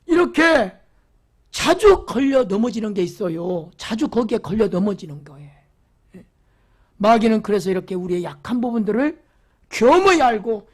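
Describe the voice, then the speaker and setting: A pastor delivers a fervent church sermon in a medium-pitched voice, repeating phrases and questioning the congregation. He swings from loud exclamations down to whispers.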